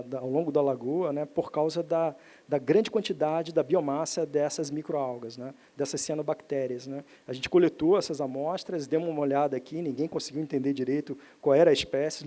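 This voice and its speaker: A man's voice: a little high, dark tone. A man, a professor explaining water science at a seminar panel, often tagging sentences with "né?". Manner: explanatory, frequent "né?" tag questions, some restarts. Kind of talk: technical talk on lake pollution. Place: seminar auditorium.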